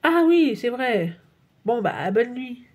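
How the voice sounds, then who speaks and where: A woman voicing a sleepy little girl in a storybook reading, hushed and drowsy. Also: on the high side, sing-song, slow, voice pushed up, heavily acted.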